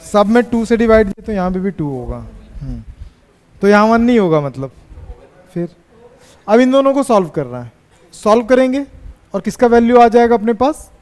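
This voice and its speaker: Man, physics teacher, high voice, teasing and hurrying students, classroom with long reverb. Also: big pitch swings, darkish tone. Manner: teasing, urging students to answer fast.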